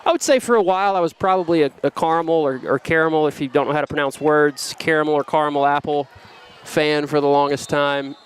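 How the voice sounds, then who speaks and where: A man doing play-by-play commentary for a local high school football broadcast, with jokey, rambling banter about food. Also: fast, few pauses, clear, resonant tone.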